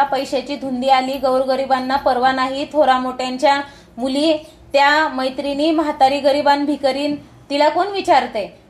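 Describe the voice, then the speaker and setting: A woman's voice: high voice, darkish tone, natural voice. A woman voicing an old beggar woman who is a disguised goddess, scolding and bitter, in a devotional storybook tale.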